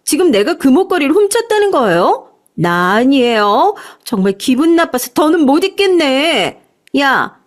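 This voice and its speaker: A woman voicing a young woman friend who shouts and pleads after being caught stealing, in a storybook radio tale. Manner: shrill, defensive, then pleading.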